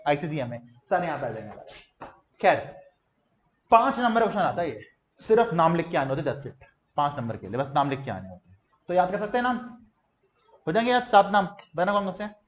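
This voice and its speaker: A man's voice: high voice, reverberant, lo-fi sound. A male teacher giving a classroom lecture, quizzing his students and leading them in call-and-response drills.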